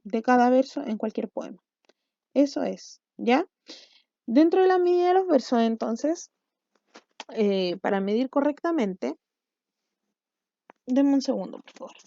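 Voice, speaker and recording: A woman's voice: high voice, animated, unhurried, gravelly, long pauses, mellow, no room sound. A woman teacher giving an online class, explaining step by step and often checking in with her students. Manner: patient, step-by-step explaining with frequent check-ins. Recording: dull lo-fi sound.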